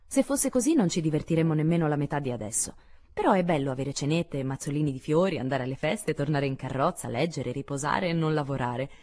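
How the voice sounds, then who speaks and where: A woman's voice: low-pitched, expressive, quick pace, a little mellow. A woman reading an audiobook voices Meg, a sulky teenage girl longing for luxury, in a complaining, plaintive way. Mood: wistful.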